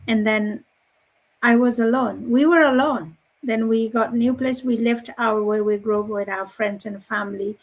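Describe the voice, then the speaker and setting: Nepali-accented woman, halting and earnest. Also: on the high side. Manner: halting, many fillers and restarts, non-native phrasing. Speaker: panel guest. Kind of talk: live online panel chat.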